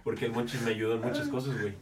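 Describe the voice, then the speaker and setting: A man's voice: medium pitch, fairly even intonation. A young man with a Mexican accent, chatting and teasing casually as a podcast host. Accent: Mexican Spanish. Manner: fast, slangy, teasing. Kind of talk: casual chat. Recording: distant mic with faint noise.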